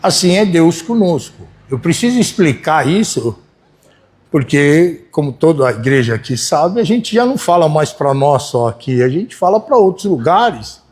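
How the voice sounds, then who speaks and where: Preaching to his congregation at a normal speed, this pastor with a Brazilian Portuguese accent speaks on the high side and is very animated. He's folksy, keeps checking in with listeners, and his volume swings between loud and soft.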